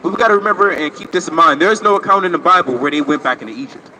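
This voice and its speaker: Man, street preaching, animated delivery, loud traffic noise. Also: a little high, very fast. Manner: emphatic, asks rhetorical questions. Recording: noisy street with passing traffic.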